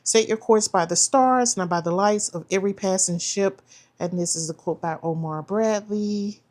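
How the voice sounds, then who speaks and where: A woman of medium pitch and normal speed, her tone a little mellow, unboxes a planner subscription box in a casual vlog. She drops "y'all," lets sentences trail off, and starts them again.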